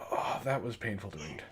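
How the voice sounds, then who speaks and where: There is background noise as a man with a lowish voice hosts a comedy book club reading. He reads bad fan fiction aloud casually, interrupting himself with amused, exasperated commentary and swearing.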